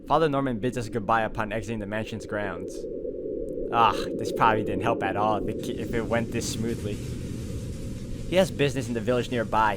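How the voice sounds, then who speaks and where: A gaming walkthrough host with a lowish voice gives let's play commentary and reads narration aloud. Game music can be heard clearly behind him.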